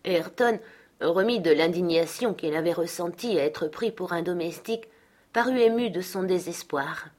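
A woman narrating a classic novel as an audiobook, in a measured, even storytelling manner. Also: lowish voice.

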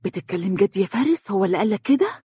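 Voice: medium pitch, big pitch swings, rapid-fire, warm tone, slightly rough, dry recording, studio quality, voice pushed up. A narrator voicing a fussy, middle-aged mother who scolds her son, with an Egyptian accent. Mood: reproachful. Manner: reproachful, emotional.

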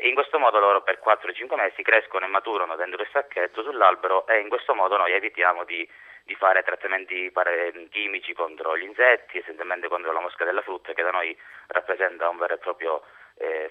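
A man's voice: low voice, fairly even intonation, a little fast, narrow, tinny audio. A young man, methodically explaining things as a guest in a radio interview. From Sicily, Italy. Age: young adult.

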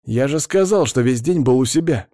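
Casting: jittery young techie guy, high whiny protests, mellow dry reading voice, put on by a male narrator. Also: expressive, moderate pace, dry recording, natural voice. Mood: sulky. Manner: whiny, flaring up, nervous protests. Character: jittery young male sysadmin, touchy and defensive.

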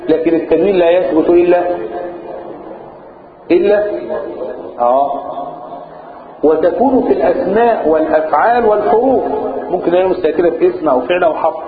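A man with an Egyptian accent, a sheikh teaching a lesson on Quran recitation rules, who chants verses and keeps asking his class questions. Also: high-pitched. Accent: Egyptian Arabic. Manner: questions the class and prompts answers. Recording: echoey, tinny, with a crowd behind.

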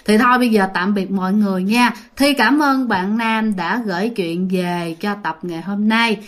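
A woman's voice: medium pitch, normal speed. A woman with a Southern Vietnamese accent casually telling a ghost story as host of her channel, rambling with fillers, her voice a little worn and sore. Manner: chatty, rambling, with many fillers.

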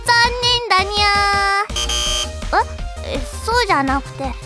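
A stubborn, cheeky teen idol who talks like a cat in an anime radio drama. Her voice sits very high and swoops up and down with lively bounce, tacking "nya" onto her phrases. Loud music plays behind her. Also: takes it slowly, full character voice. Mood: chirpy. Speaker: radio show personality. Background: children's music.

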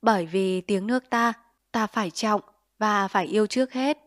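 A woman voicing a stern, earnest middle-aged father who lectures his son in grave, measured tones in an audiobook story. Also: mid-range voice, close to an everyday voice.

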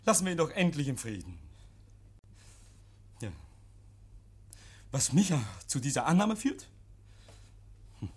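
In a vintage 1950s radio play, an actor plays a nervous, paranoid man hiding guilt: agitated, stammering, insistent, defensive and irritated, hearing imaginary noises. His voice is a little high and slightly rough, with big pitch swings, a little slow with frequent pauses, and heavily acted.

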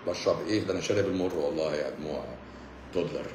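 A rapid-fire Egyptian man in his forties answers comments on a live stream with mocking sarcasm. He jumps from loud, exasperated bursts to low mutters. His voice rings around an echoey room. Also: noisy background. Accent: Egyptian Arabic. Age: 40s. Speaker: doctor hosting a live stream.

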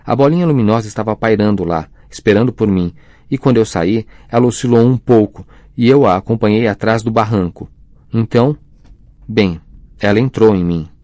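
A man voicing a flustered teenage boy wizard who tells his story in a hurried, defensive way in an audiobook. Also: lowish voice, dark tone, no room sound, lightly acted. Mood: earnest.

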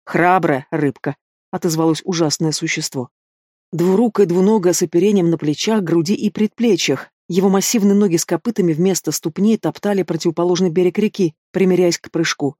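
An audiobook narrator reading a fantasy novel in a steady, even storytelling manner. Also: mid-range voice, fairly quick, dry recording, studio quality.

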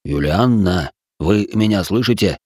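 A man voicing a calm young dark mage who questions a patient in measured tones, in an audiobook reading. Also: fairly low pitch, breathy edge, no room sound, studio quality.

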